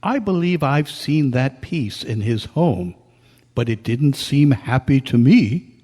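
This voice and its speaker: At a live club meeting in an echoey hall with long reverb, a man gives a heavily acted staged radio drama reading as narrator and as Colonel Bear, a kindly listener comforting a ghost. His mid-range voice is sing-song and breathy at the edges, unhurried, gentle and concerned.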